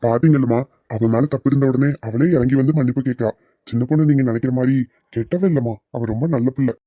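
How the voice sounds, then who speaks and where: A man voicing a gentle, easily swayed young husband for a cartoon. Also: mid-range voice, steady tone, no echo, close to an everyday voice. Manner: gentle, soothing, quick-talking. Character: soft-hearted gullible young husband. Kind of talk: cartoon voice acting.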